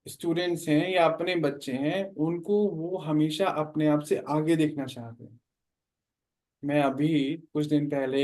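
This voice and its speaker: A man's voice: on the high side, a little mellow. A man teaching a spiritual class, explaining and often asking his listeners questions.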